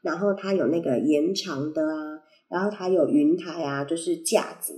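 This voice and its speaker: Speaking at a moderate pace in a low, warm voice, this podcast host carries a Taiwanese Mandarin accent, and her braces blur her words a little. Her solo show is loose and playful, full of tangents and self-corrections. The audio comes from a small condenser microphone attached to a phone and has an echoey, roomy quality.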